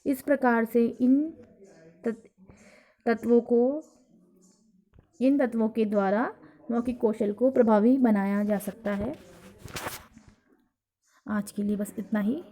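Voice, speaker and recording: Slow-spoken woman teacher, mellow voice. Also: a little high, steady tone. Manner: slow, explanatory, acts out examples. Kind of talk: recorded lecture on teaching Hindi.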